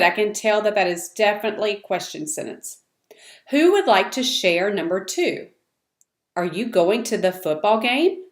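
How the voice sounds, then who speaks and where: A woman teaching a reading lesson, speaking clearly and encouragingly and modelling rising question intonation. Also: medium pitch. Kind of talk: classroom lesson.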